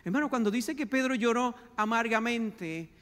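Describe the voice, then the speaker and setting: Male pastor, fervent sermon, very high bright voice, reverberant hall. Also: moderate pace. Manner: fervent preaching, addresses listeners as brother; mixes in English words.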